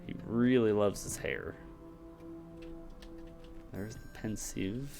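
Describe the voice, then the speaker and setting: A man's voice: on the low side, lively intonation, slow, gravelly, loud music behind the voice. A man giving casual commentary as he plays a video game, muttering reactions to himself and reading on-screen text aloud. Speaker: video game streamer playing through a game.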